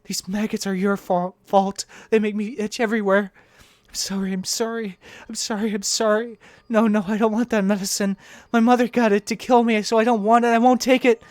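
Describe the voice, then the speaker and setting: A man voices a teenage girl losing her grip on reality under a curse, pitched a touch high. She talks in a frantic, pleading loop and keeps saying the same words over and over. The whole thing plays as a dramatic visual novel reading. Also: flat delivery, moderate pace, few pauses, dry recording, natural voice. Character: teenage girl unraveling into curse-driven madness. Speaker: let's play reader voicing all parts.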